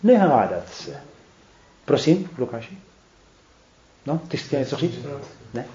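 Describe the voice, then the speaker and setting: A man's voice: medium pitch, big pitch swings, dark tone, slight background noise. Reflective man leading a Bible study. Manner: reflective, pauses to question the group. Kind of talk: group Bible study teaching. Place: room with a small group. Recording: roomy, dull recording with faint clicks.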